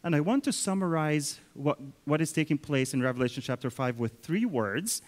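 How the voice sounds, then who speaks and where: A man's voice: fairly high pitch, expressive, moderate pace. A man preaching a sermon in storytelling fashion, often turning to speak to the children. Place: church. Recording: long reverb of a church hall.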